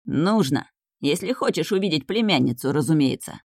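A woman's voice: low voice, lively intonation, moderate pace, a little mellow, breathy edge, no echo, full character voice. Brief: woman reading cruel mocking nobleman, ordering people about, dry close reading. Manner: sneering, gloating, barking orders. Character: cruel mocking young dark-haired man, mad laugh.

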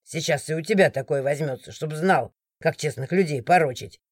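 A woman's voice: low voice, normal speed, no echo, clean studio sound, pitched below the performer's own voice. A woman doing a rowdy, blustering drunk townsman. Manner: blustering and threatening, then fawning.

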